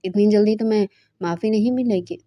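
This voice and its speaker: Cold vengeful young man, read by a woman narrator; mellow, dry. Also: mid-range voice, no echo, close to an everyday voice. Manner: cold, dismissive.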